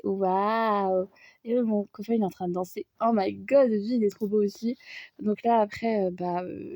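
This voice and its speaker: A teenage girl, a little sick, giving a casual and excitable voice-over on a video, full of fillers and gasps of delight. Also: medium pitch, no echo. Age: teens. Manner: gushing, excitable, many fillers and "waouh" exclamations. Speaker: fan commentator.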